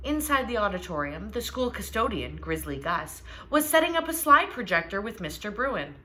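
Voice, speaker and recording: Animated woman storyteller for children, bright and expressive, pausing to ask questions. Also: medium pitch. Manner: animated, asks listeners questions. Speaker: storybook reader. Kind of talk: children's storytime read-aloud.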